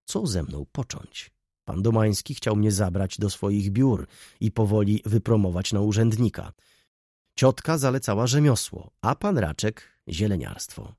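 Husky-voiced man reading a novel aloud. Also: on the low side, lively intonation, measured pace, mellow, dry recording, studio quality. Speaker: audiobook reader. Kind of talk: scripted narration.

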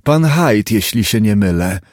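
A man reading an audiobook, voicing a dignified middle-aged lawyer who speaks in a formal, measured, insistent way. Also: fairly low pitch, expressive, darkish tone, dry recording, studio quality. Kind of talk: audiobook character voice.

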